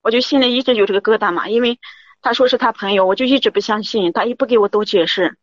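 Fast-talking woman caller, dull dry audio. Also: on the high side, no room sound. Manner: rambling, keeps repeating "I said". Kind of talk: confiding call-in account.

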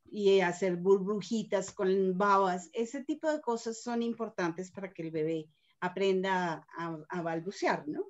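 A woman's voice: mid-range voice, measured pace. A woman speaks reflectively in a casual discussion, often restarting her sentences as she works through a thought. The recording is dull and lo-fi. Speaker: mother. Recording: dull lo-fi sound.

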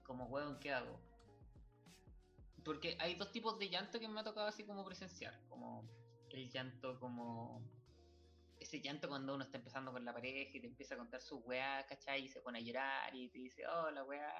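A man's voice: mid-range voice, fairly even intonation, fairly quick, gravelly, bright, forceful tone, lo-fi sound, faint music behind. A young man with a Chilean accent chatting casually, rambling in crude slang and laughing often. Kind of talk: casual chat.

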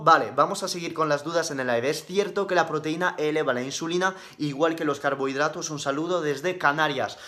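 A man's voice: on the high side, a bit bright. A man with a Spain Spanish accent hosting a casual live-stream Q&A, chatty and upbeat, tossing in slang like bro. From Madrid, Spain. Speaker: fitness live-stream host.

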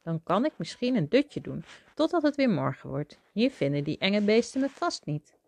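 A woman voicing a small, timid young male mouse in a children's storybook, with a squeaky, anxious voice. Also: sing-song, normal speed, creaky. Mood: sleepy.

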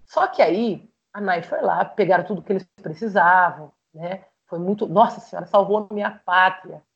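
A Brazilian woman shares her life story as a podcast guest, her voice carrying a gravelly fry. She tells it with animation, slipping into the voices of people she remembers and often restarting her sentences. The recording sounds somewhat dull and lo-fi. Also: fairly low pitch, moderate pace. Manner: animated, acts out remembered dialogue with many restarts. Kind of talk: personal storytelling.

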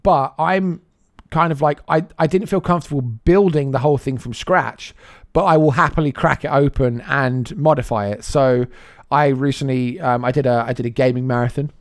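A man co-hosting a casual gaming podcast, animated and quick to laugh, acting out quoted lines. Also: mid-range voice, dry recording, clean studio sound. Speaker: podcast co-host. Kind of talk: casual chat.

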